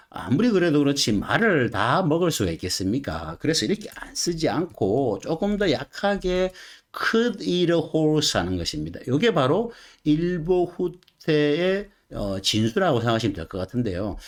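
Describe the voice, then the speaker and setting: Lively-voiced male English teacher explaining. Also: medium pitch. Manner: asks the viewer rhetorical questions. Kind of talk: explaining textbook sentences in a lecture.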